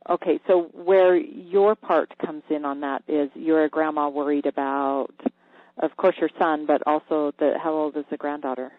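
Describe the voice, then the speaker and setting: A radio host giving an energy healing reading to a caller, calm and halting, sometimes dropping to a whisper while checking. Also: medium pitch, no echo. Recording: thin phone-like line, dry.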